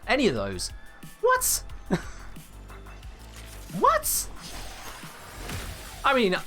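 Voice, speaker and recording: A very high-voiced man in his twenties from England streams a game live, chatting casually and reading viewer messages aloud with playful, mock indignation. His pitch swings hugely, he draws words out, and his tone is bright and forceful over soft background music.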